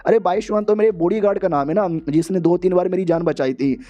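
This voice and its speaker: A man's voice: high-pitched, fast talker, warm tone. A man casually retelling a manga chapter in a jokey, slangy, exaggerated way. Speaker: manga recap narrator. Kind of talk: casual comic story recap.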